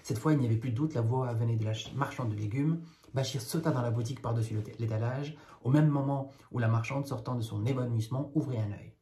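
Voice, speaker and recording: A man's voice: mid-range voice, fast, dark tone, slight background noise. A man reading a children's tale aloud, breaking off now and then for casual, wry commentary. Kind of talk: read-aloud with jokey spoken asides.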